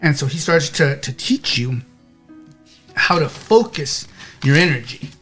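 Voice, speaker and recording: A man's voice: on the high side, animated, measured pace, a bit bright, faint music behind. A man narrating a tabletop game as game master, rambling and checking in with "okay?".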